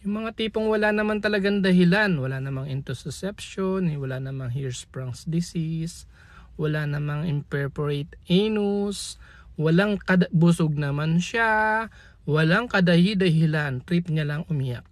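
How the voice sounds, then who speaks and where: A man's voice: on the high side, a little slow, dry recording. A middle-aged man with a Filipino accent, giving a chatty medical lesson and reading from a textbook between folksy asides. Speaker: medical lecturer. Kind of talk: casual lesson in mixed Tagalog and English.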